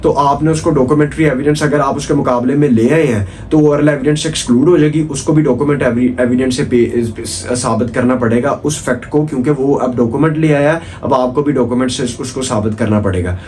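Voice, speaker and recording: His mid-range voice is brisk and a little mellow, with hardly any pauses, and there's a little hiss or hum. The speaker, a man with a Pakistani accent, delivers a casual, exam-focused law lecture full of repetition, rhetorical questions and English legal terms.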